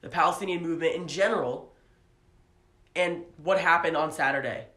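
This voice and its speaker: A young man with a high voice talks in an earnest, casual way, often stopping to restart his sentences. He co-hosts a podcast, and his voice rings in an echoey room. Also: normal speed, bright, forceful tone. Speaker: podcast co-host. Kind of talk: casual opinion talk.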